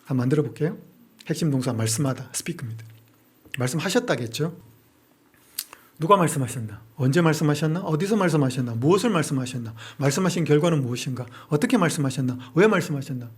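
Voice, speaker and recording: Male pastor-lecturer, husky and somewhat high, runs rhetorical question-and-answer drills. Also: expressive, fast talker. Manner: asks and answers his own rhetorical questions. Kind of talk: Bible-study lecture.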